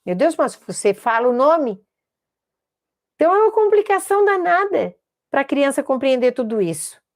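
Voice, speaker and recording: A woman teaching a lesson on literacy for children, emphatic, repeating words and slowly sounding out letters and syllables. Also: high voice, big pitch swings. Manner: repeats words for emphasis, asks rhetorical questions. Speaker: special education teacher. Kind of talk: explanatory online lesson.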